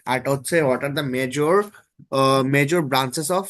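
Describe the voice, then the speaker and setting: A man's voice: mid-range voice, fairly even intonation, slow, a bit bright. A man tutoring students through exam topics in a casual online lesson, often checking in with them.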